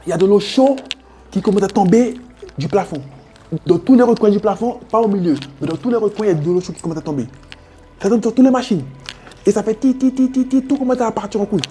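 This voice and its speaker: A man from French Guiana tells his story with a French Guianese accent. His voice sits high but mellow. He talks in street slang, making sound effects and calling the listener brother, while faint music plays behind. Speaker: interviewee. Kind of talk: animated personal storytelling.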